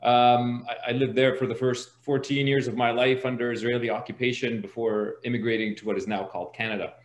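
A man's voice: mid-range voice, little pitch movement, a little fast. A man from Palestine speaking hesitantly, with many fillers and restarts, as a panelist in an online discussion from home. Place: home, video call. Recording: roomy video call audio.

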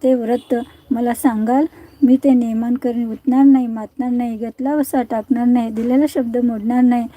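A woman's voice: a little high, fairly even intonation, moderate pace, dark tone, lightly acted, low-quality recording. A woman voicing a fretful palace maid. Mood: earnest. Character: anxious young female palace maid.

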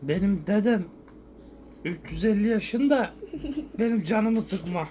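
A woman's voice: mid-range voice, slow, dark tone, voice pushed down, natural voice. A girl voicing a cheeky, teasing tortoise pupil in toy role-play, with faint background noise. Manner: teasing, playful.

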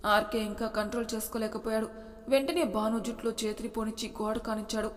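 A woman narrating a romance story in a steady, expressive reading. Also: a little high, quick pace, in a large hall.

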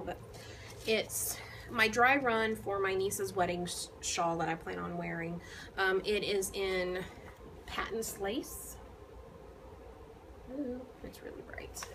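A woman with a middle-pitched voice chats casually about her craft projects, wandering from topic to topic with frequent ums and self-corrections. She sounds relaxed and informal, talking from home with a faint hum of background noise. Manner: rambling, many ums and restarts. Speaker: knitting vlogger. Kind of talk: casual chat to camera.

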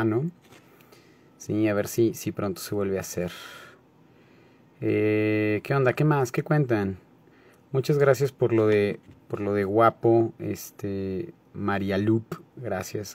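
A man with a Mexico City accent hosts a casual late-night livestream at home. He talks in a relaxed, slangy way and greets viewers one by one. His mid-pitched voice is recorded close, in a dry room. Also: no room sound. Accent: Mexico City Spanish. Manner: laid-back, slangy, greets viewers by name, laughs often.

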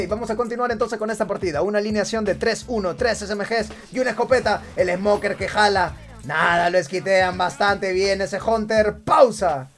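A man casting a live esports tournament on stream. He calls the action loudly and energetically, then slips into laid-back banter with his chat. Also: high voice. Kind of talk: live esports play-by-play commentary.

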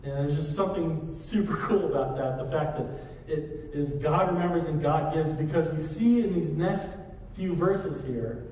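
Thirties male pastor, slightly higher voice, casual sermon delivery, roomy faint hiss. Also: normal speed, a little mellow. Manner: conversational preaching, walks the stage gesturing. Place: large church sanctuary. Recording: echoey hall from far off.

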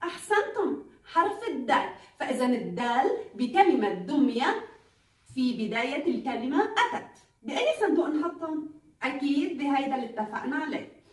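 A woman with a Levantine Arabic accent teaching a recorded lesson to young pupils, drawing out letter sounds slowly and praising the class. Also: high-pitched, big pitch swings, recorded from a distance. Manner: slow, drawn-out enunciation of letter sounds. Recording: echoey room, voice off-mic.

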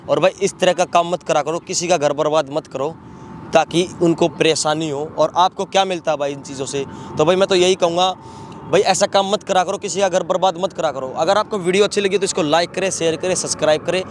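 A man's voice: fairly high pitch, steady tone, a little fast, a little hiss or hum. A man hosting a staged exposé video, scolding and pressing with repeated questions, then addressing viewers. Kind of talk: staged confrontation and vlog outro.

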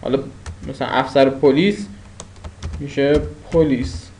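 A man teaching a language lesson, saying each new word several times and explaining it with pauses and fillers. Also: mid-range voice, fairly even intonation, darkish tone, slight background noise.

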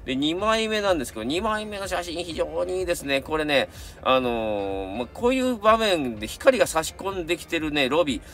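A middle-aged man with a Kansai accent hosts a camera channel, chatting casually and rambling with plenty of fillers and asides as he reviews gear and reads viewer submissions. His voice is on the high side and fairly bright, very animated, fairly quick, with few pauses.

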